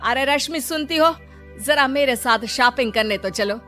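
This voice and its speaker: A woman voicing an excitable, lottery-mad mother-in-law in an animated cartoon, loud and bossy. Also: sits high, moderate pace, faint music behind.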